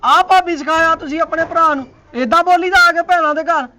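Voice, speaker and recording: A man's voice: extremely high pitch, brisk, bright, forceful tone, a little hiss or hum, heavily acted. A man playing the husband's brother, brash and insulting toward the others. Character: husband's brother, a loud defender of his brother.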